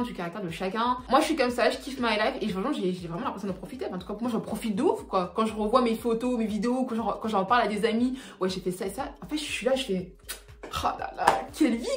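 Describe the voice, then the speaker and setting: A young adult woman telling her solo travel mishaps in an animated, slangy way, laughing as she goes. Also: fairly high pitch. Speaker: travel vlogger. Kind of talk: casual storytelling to camera. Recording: echoey room, faint music.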